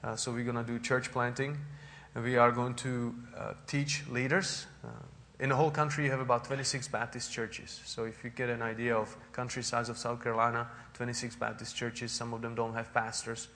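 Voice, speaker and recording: Czech-accented man, flat bright voice. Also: medium pitch, a little fast, in a large hall. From Czech Republic. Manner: earnest, with frequent "uh" fillers and restarts. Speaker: visiting missionary. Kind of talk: church address to a congregation. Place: church.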